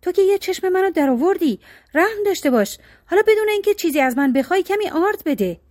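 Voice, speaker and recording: A woman's voice: high voice, big pitch swings, darkish tone, dry recording, clean studio sound. Woman voicing a pleading poor man. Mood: begging.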